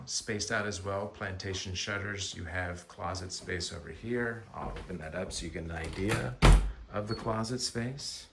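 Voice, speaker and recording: A man with a fairly low voice presents a property as a real estate agent. His delivery is polished, appreciative sales talk, moving from feature to feature. The rooms echo around him, with faint noise behind. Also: a bit bright. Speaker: real estate agent giving a home tour. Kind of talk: walk-through property tour presentation. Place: indoors, walking through rooms of a house.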